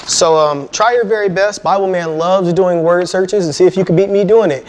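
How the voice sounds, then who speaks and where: American guy in his 30s doing a kids bible lesson, kinda high voice, friendly, explains stuff real simple. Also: normal speed. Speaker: children's Bible lesson teacher. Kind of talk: children's lesson with storybook reading. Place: indoors before a painted backdrop.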